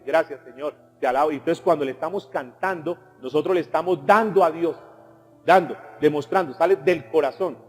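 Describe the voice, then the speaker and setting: A man preaching a sermon as pastor, swinging from raised exhortation to hushed, intimate asides aimed straight at the congregation. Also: a little high. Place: church hall. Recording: long hall reverb with soft music behind.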